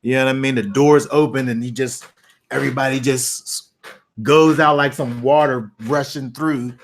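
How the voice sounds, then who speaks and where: A man's voice: mid-range voice, normal speed, slight background noise. Casual host, man, mid-range voice, rambling storyteller who acts scenes out. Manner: animated storyteller, acts out scenes with sound effects; loose, rambling with restarts. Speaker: host of a Bible study discussion. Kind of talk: casual chat.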